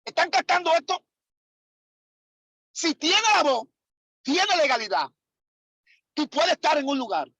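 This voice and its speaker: A man's voice: extremely high pitch, big pitch swings, a little slow, pauses often, pushed and bright, dry recording, rough recording. A man teaching a ministry class as an apostle, preaching emphatically, repeating key phrases and firing rhetorical questions at his listeners. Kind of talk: preaching lesson.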